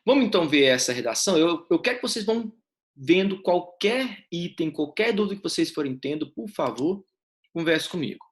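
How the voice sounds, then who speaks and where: A man's voice: fairly high pitch, lively intonation, brisk. A man teaching essay writing in a live online class with a Brazilian Portuguese accent, explaining step by step and asking his students questions.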